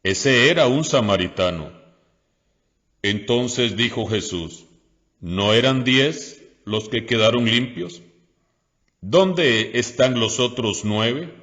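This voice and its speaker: Man, priest, from Costa Rica, slow measured reading, low voice, church reverb. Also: a bit bright. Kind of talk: liturgical reading and homily. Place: parish church. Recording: dull lo-fi audio with long church reverb.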